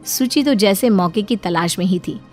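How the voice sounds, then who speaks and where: A woman giving steady, scripted narration for a cartoon moral story. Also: mid-range voice, normal speed, faint music behind.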